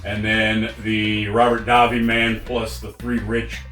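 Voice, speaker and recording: A man's voice: on the low side, monotone, measured pace, a bit bright. A man co-hosting a movie podcast in a casual, rambling, wry way with some swearing. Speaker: podcast co-host reviewing movies. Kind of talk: casual chat. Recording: roomy sound from a distance, faint music.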